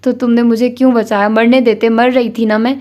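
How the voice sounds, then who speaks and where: A woman's voice: little pitch movement, darkish tone, lightly acted. Woman reading as a jealous, hysterical young woman. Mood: pleading tearful. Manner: shrill, pleading and threatening.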